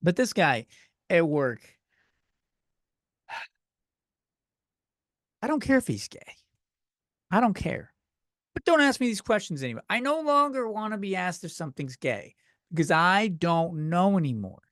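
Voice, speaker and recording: A man's voice: sits high, very animated, measured pace, long pauses, a bit bright, no room sound, studio quality. A man in his thirties hosting a solo comedy podcast, rambling and swearing as he rants. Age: 30s. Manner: rambling, profane, self-deprecating. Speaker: podcast host.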